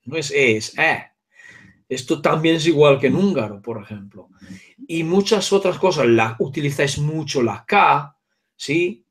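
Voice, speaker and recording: Animated and somewhat high-voiced, a Hungarian-accented man who speaks Hungarian natively holds forth as an interview guest at a moderate pace, with frequent asides and questions to make sure he's understood.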